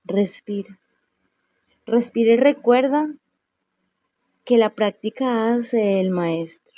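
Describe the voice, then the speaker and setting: This guided meditation comes from a woman whose voice sits on the high side. She moves very slowly, her mellow, relaxed tone broken by long, serene pauses, and the dry recording carries no room sound.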